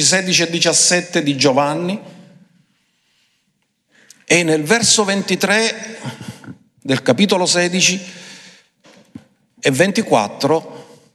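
A man's voice: sits high, a bit bright. Emphatic preacher man in a reverberant hall. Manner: emphatic, shifting between quick and drawn-out phrases. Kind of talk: sermon.

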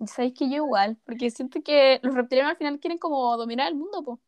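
High-voiced young Chilean woman, slangy. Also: quick pace, dry recording. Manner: joking, slangy, laughs often. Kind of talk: casual chat.

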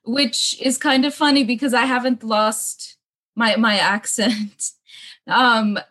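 A woman's voice: fairly high pitch, steady tone, slow, a bit bright. A young woman with a mixed, hard-to-place accent, chatting casually as an interview guest, laughing often and using many fillers. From Middle East (Kuwait). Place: bungalow room with books at her parents' home.

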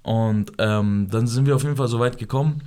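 A man's voice: mid-range voice, brisk, clean tone. A young man telling a story on a studio podcast, in casual slangy talk, laughing and restarting often. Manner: animated, laughing, slangy, many fillers and restarts.

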